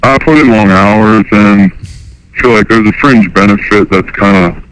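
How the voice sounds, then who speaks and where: Call-in guy, voice run through a disguiser, very low, halting, slight hiss behind. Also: a bit bright, low-quality recording. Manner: hesitant, halting with fillers. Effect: voice disguiser lowering the voice. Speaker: caller. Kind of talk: casual call-in chat.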